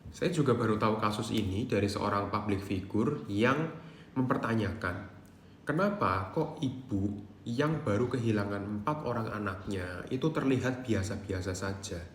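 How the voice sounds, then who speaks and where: Male psychologist, low pitch, calm explanatory tone, slightly roomy recording. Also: moderate pace, a little hiss or hum. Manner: calm, explanatory, acts out quoted feelings. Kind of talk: casual explainer talk to camera.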